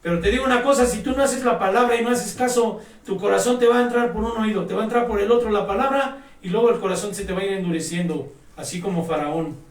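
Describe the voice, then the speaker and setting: A man's voice: high-pitched, quick pace, few pauses. A man preaching a sermon, emphatic and exhorting, speaking directly to his listeners. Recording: echoey room, mic at a distance.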